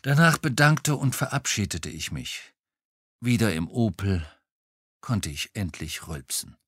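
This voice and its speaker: A man reading a first-person crime novel aloud, telling it in a wry, lively way. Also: lowish voice, measured pace, slightly rough, no room sound. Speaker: audiobook reader.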